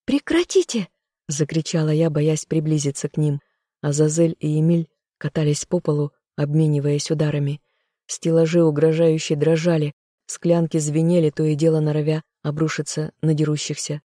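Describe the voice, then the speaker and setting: A calm, measured storyteller reading a first-person romance. The voice is dark and mellow, and the recording is close and dry with no room sound. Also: medium pitch, dry recording. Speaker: audiobook reader. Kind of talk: scripted first-person narration.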